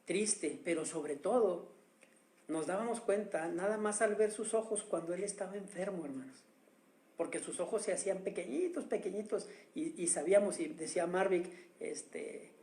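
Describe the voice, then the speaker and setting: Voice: medium pitch, a little mellow. A preacher delivering a sermon with emphatic stresses, often calling out to the listeners as brothers. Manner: drawn-out stresses on key words. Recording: roomy echo.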